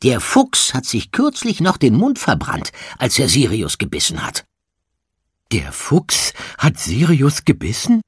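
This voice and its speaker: A man reading an audiobook, voicing a small, helpful female mouse who speaks brightly. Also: medium pitch, huge pitch swings, measured pace, husky, dry recording, studio quality, voice pushed up, heavily acted. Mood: brisk. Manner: bright, hushing.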